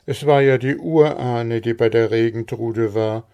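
A man's voice: mid-range voice, measured pace, warm tone, pitched above the performer's own voice, lightly acted. A man reading the part of an old widowed mother in a storybook, lifting his voice for her urgent, anxious speech.

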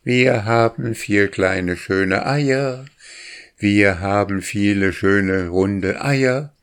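A boastful little starling sings his lines in a lilting, sing-song voice, pitched well above the reader's own, as a man puts him on for a storybook. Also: takes it slowly, gravelly. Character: proud male starling singing to his mate.

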